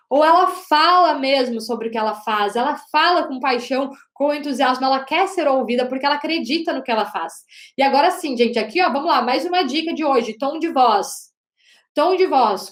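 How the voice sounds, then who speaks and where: A woman teaching an online lesson on body language as a communication coach, talking loudly and emphatically and often checking in with the audience. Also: high-pitched. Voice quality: loud, projecting voice. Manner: emphatic, with frequent "né?" and "gente". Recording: roomy echo.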